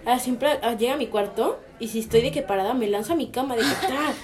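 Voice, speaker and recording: A woman chatting casually as a podcast co-host. She talks very fast in a high, bright register. She tells her stories animatedly and laughs often. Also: faint music behind. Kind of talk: casual chat.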